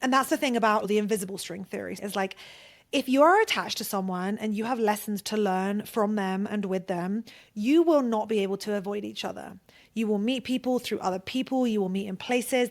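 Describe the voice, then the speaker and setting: A woman podcast host telling a personal story in a loose, conversational monologue. Her voice sits at an ordinary middle pitch. She talks freely, swears often and fills her sentences with "like.". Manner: chatty, swears freely, heavy use of "like".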